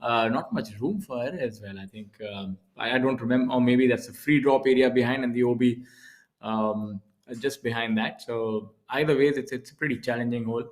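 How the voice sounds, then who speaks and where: A man gives live golf commentary with an average-pitched voice. He talks conversationally, explaining as he goes and wandering through his thoughts at some length. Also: moderate pace. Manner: explanatory, discursive, addressing newcomers and co-commentator.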